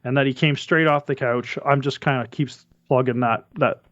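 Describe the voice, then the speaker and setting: A man's voice: mid-range voice, fairly even intonation, moderate pace, fairly bright tone, no room sound, muffled recording. A man co-hosting a casual football podcast, rambling and correcting himself as he talks through betting picks. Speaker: podcast co-host. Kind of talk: casual sports chat.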